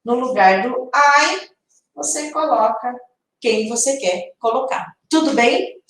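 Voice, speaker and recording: A Brazilian woman teaching English in a live online lesson, explaining slowly and checking in with her viewers. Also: a little high, fairly bright tone, heavy reverb, distant mic, slight background noise, low-quality recording. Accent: Brazilian Portuguese.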